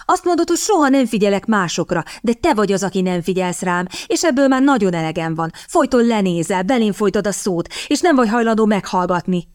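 A woman's voice: mid-range voice, expressive, dry recording, studio quality, lightly acted. A woman voicing a passionate, lovestruck young younger sister who pleads and protests indignantly.

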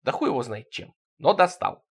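A man's voice: a little high, big pitch swings, normal speed, slightly rough. A man narrating a surreal comic story in a theatrical, bouncy reading style.

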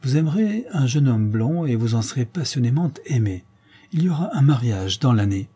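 A man's voice: mid-range voice, very animated, moderate pace, mellow, slightly rough. A man voicing a showy, teasing male painter who speaks with mock gravity and delights in mocking others. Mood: flattering.

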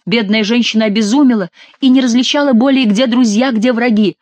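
A woman narrating a dramatic adventure novel as an audiobook reader, with expressive storytelling. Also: fairly high pitch, fairly quick, no echo.

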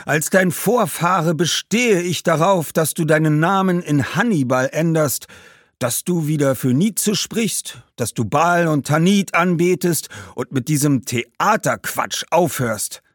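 A man voicing the boastful ghost of an old warrior ancestor, speaking slowly and indignantly in a storybook. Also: no room sound, studio quality. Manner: slow, booming and indignant.

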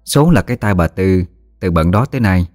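A man's voice: deep voice, expressive, brisk, a little mellow, no echo, clean studio sound, soft background music. A man with a Southern Vietnamese accent narrating a ghost story steadily.

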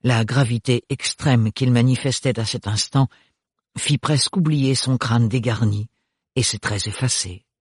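A man reads a novel aloud in a measured, expressive way. His voice is husky and mid-pitched, set close and dry with no room around it. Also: no echo. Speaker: audiobook narrator. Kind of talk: scripted narration.

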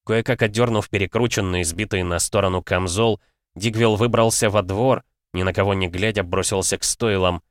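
A man reading a fantasy audiobook in an expressive, measured storytelling way. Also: low-pitched, no echo, clean studio sound. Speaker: audiobook narrator. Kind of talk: dramatic audiobook narration.

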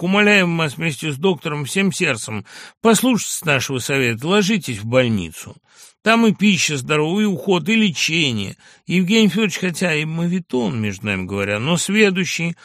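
An effusive older postmaster, put on by a male audiobook reader, full of hearty exclamations and coaxing. The voice sits a bit high, and the reading is dry and close to the mic. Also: a bit bright, no room sound.

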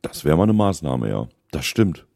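Low mellow-voiced guy rambling on a podcast, lots of fillers. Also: big pitch swings, moderate pace, vocal fry. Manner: rambling anecdotes, filler-heavy. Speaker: podcast co-host and streamer. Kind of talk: casual chat.

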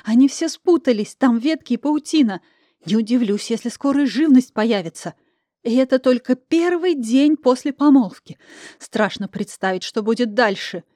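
A pampered young princess, high-pitched and shrill, bursting into indignant, tearful outbursts, as a woman reader acts her out. The sound is dry and close. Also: expressive, moderate pace, warm tone, dry recording, natural voice. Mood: hysterical.

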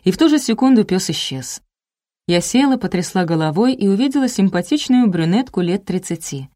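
A woman narrating a detective novel in the first person, with even, wry storytelling. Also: mid-range voice, fairly quick. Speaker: audiobook narrator.

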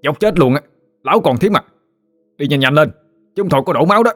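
A man's voice: a little high, expressive, fast talker, no echo, voice pushed up. A man voicing a panicky young village man who tells tall tales, pleading urgently in a Southern Vietnamese accent. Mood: alarmed.

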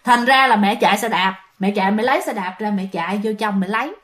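A woman's voice: mid-range voice, quick pace, fairly bright tone. A woman casually narrating a ghost story, chatting directly to her listeners and acting out the characters' lines. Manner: chatty, addresses listeners directly, acts out quoted speech.

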